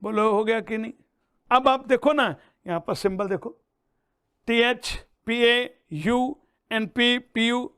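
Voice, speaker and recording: High-voiced, slow-drilling Hindi chemistry teacher. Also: male voice, a bit bright, clean tone, no room sound, studio quality. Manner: drilling students, repeating mnemonic chants slowly; addresses listeners as beta and bhaiya. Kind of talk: classroom lesson with mnemonics.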